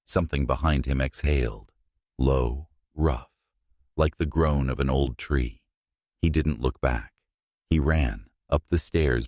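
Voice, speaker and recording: A man narrating a scripted horror story in a hushed, suspenseful manner, in short, measured phrases. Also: extremely low pitch, dry recording, clean studio sound.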